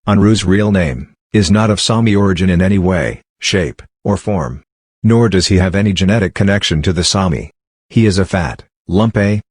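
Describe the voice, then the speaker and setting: A man with a very low voice reads a scripted commentary, scornful and insulting in tone. The recording is dry and close, with no room sound. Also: no echo. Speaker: narrator.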